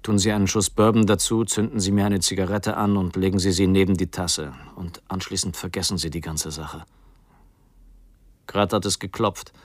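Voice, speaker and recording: In a radio play, an actor voices a resigned, frightened man on the run reading his farewell letter in character. His low voice is subdued and melancholy, with fairly even intonation and a moderate pace, recorded with no room sound.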